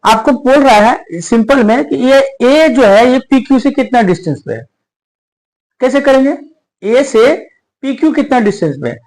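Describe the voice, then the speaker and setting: A man's voice: very high-pitched, expressive, normal speed, a little mellow, rough recording. A man teaching a school maths lesson at a board, explaining step by step and asking his students questions as he goes.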